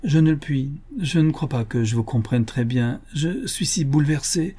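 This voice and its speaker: A shy, emotional young suitor from a classic novel, as a male narrator plays him. He talks in a halting, hesitant way, in a mellow, husky tone a little above the narrator's own. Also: a little high, pitched above the performer's own voice.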